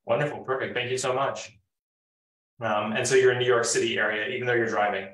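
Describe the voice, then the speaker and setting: A man's voice: mid-range voice, fairly even intonation, fast, fairly bright tone. Man, 30s, instructor, video call, organized, filler-laden, roomy, distant mic. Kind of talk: online class introduction.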